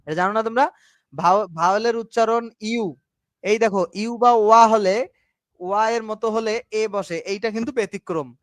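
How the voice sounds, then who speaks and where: A male English teacher giving an online class lecture. He explains slowly, mixes English grammar terms into his talk and keeps asking his students whether they follow. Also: sits high, a bit bright, no room sound, clean studio sound. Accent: Bangladeshi Bengali.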